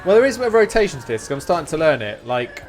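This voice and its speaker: Over game music, a man streams a game and chats informally in a casual live-stream style, rambling through his explanations. His voice is a little high, very animated and rapid-fire.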